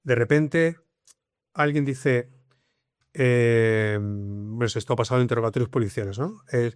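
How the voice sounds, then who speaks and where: A man explains things in a lively, conversational way, often repeating his point. He speaks at a middling pitch into a dry, close microphone with no room sound. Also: a little slow, smooth, dry recording. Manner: explanatory, lively, leans on repetition. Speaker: guest, communication coach. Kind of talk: conversational interview.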